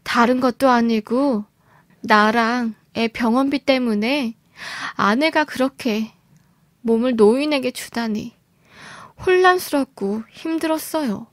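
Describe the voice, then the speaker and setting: A woman's voice: a little high, slow pace, no echo, clean studio sound. A woman narrating a first-person story for a story-radio show as a scripted, dramatic reading.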